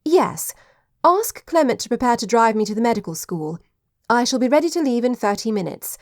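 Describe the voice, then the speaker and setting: A woman voicing a spirited, genteel lady detective who speaks briskly. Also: fairly high pitch, expressive, dry recording, clean studio sound.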